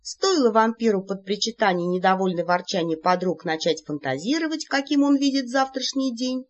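Animated woman reading a storybook. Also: medium pitch, a little fast. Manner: animated, playful. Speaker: audiobook narrator. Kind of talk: expressive audiobook narration. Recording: slightly muffled recording.

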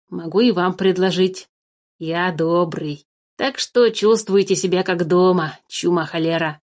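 A woman voicing a sly, greedy male dwarf who guards cave treasure, with a wheedling, drawn-out manner, in a storybook reading. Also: fairly low pitch, lightly acted.

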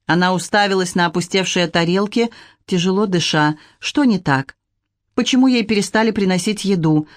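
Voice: medium pitch, normal speed, no echo, studio quality. Audiobook reader telling the story evenly, mid voice, no room sound. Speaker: audiobook narrator. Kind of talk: scripted audiobook narration.

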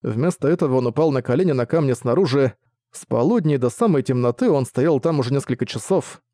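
A man narrating a fantasy novel in a steady, measured storytelling manner. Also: mid-range voice, no echo, clean studio sound. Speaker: audiobook narrator.

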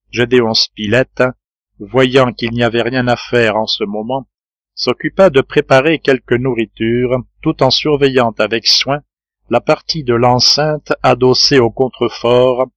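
A man narrating an audiobook of a classic adventure novel in a measured, even reading. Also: medium pitch, no echo. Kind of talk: scripted narration.

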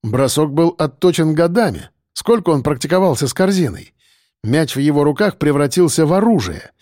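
A man narrating a story in a steady, measured storytelling manner. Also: fairly high pitch, no echo. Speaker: audiobook narrator. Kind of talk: scripted narration.

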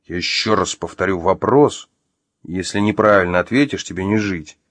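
A man's voice: low-pitched, moderate pace, a bit bright, no echo. A man voicing an angry man who interrogates his ex-wife at gunpoint, growling and barking his questions in an audiobook. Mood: menacing.

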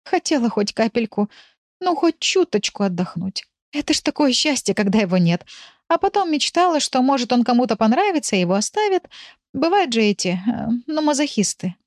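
A woman doing a flustered, chatty village lady who complains in a lively, swooping voice. She is heard in a dry, close recording with no room sound. It is an audiobook character voice. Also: fairly high pitch, brisk, no echo, pitched above the performer's own voice. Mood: exasperated. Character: talkative flustered village woman, pet owner.

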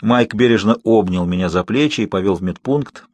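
A man narrating an audiobook in a measured, even reading. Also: fairly low pitch, slightly rough, dry recording.

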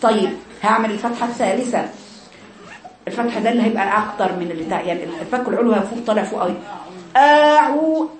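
Fast-talking Egyptian woman teaching recitation. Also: medium pitch, fairly even intonation, reverberant, crowd noise. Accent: Egyptian Arabic. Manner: demonstrates sounds, speaks to girls. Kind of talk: recitation lesson.

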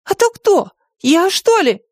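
A plump, jittery little creature with a tail in a storybook, squeaking very high above the reader's own voice. He is fussy and flustered, and his pitch leaps around. The recording is close and dry. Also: lively intonation, normal speed, dry recording. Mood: indignant. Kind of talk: audiobook character voice.

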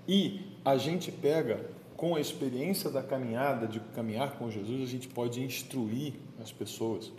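A man's voice: mid-range voice, mellow. A man giving an informal daily homily, talking in a conversational and playful way with the people around him. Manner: conversational, playful, chatting with listeners present. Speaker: pastor. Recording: echoey room with faint ambient noise.

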